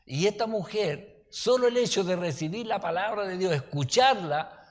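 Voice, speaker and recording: Un pastor con acento chileno que da un estudio bíblico en tono de charla, con anécdotas y preguntas como "¿ya?" a los oyentes. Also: male voice, high-pitched, animated, normal speed. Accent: Chilean Spanish. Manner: folksy, anecdotal, asks listeners "¿ya?". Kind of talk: conversational Bible-study sermon. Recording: reverberant hall.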